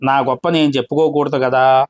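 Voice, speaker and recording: A man's voice: mid-range voice, flat delivery, brisk, dry recording, muffled recording, lightly acted. A man voicing a boastful, self-important male tutor in a read-aloud play, lecturing in a pompous way.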